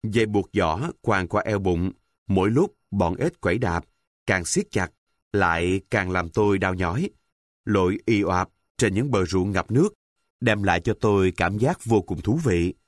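Man, story narrator, calm measured reading, low voice, dry close recording. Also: dry recording.

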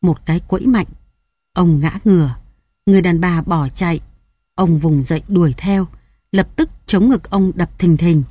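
A woman reading a short story aloud in a steady, measured storytelling voice. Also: lowish voice, breathy edge, no echo, studio quality. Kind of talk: audiobook narration of a short story.

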